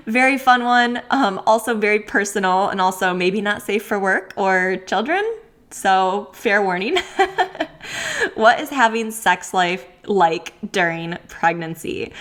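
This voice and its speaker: A woman's voice: mid-range voice, fairly bright tone. A pregnant woman in her thirties hosting a solo podcast Q&A, talking candidly with many likes and ums and frequent laughs. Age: 30s. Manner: laughs often while talking. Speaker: podcast host.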